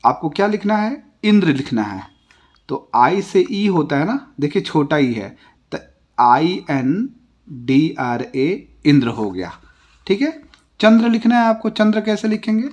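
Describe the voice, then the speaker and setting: An Indian man teaching a classroom lesson, spelling words out letter by letter in a slow, patient way and dropping his voice at the end of each example. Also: fairly high pitch, very animated, a little mellow. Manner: ends each example with a falling tone.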